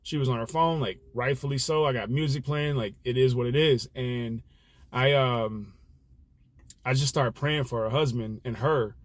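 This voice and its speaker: A man's voice: mid-range voice, moderate pace, no echo. A young man, a rideshare driver, telling a personal story in an earnest, rambling way full of fillers. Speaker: rideshare driver sharing stories. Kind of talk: casual reflective storytelling.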